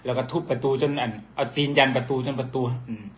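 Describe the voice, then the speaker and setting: A man's voice: medium pitch, little pitch movement, fast. A man with an Isan Thai accent, a doctor, chatting casually and bickering back with his partner. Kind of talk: casual couple chat.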